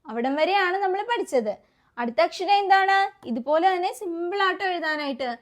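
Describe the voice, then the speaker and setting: High-voiced woman teaching kids letters. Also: animated. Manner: coaxing, asks children questions and repeats letters slowly. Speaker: children's teacher. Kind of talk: kids' alphabet lesson.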